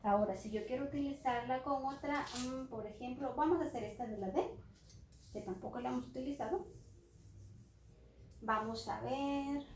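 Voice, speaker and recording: A woman teacher giving a children's phonics lesson at a whiteboard, slowly sounding out letters and words. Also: a little high, mellow, slight background noise. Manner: slow, drawn-out sounding out of letters. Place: classroom with whiteboard. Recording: echoey room.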